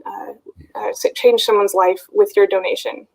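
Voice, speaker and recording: A woman's voice: mid-range voice, steady tone, moderate pace, vocal fry, low-quality recording. A woman hosting a virtual fundraiser, encouraging viewers to give and starting many phrases with "uh". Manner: encouraging, with frequent "uh" fillers. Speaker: fundraiser host.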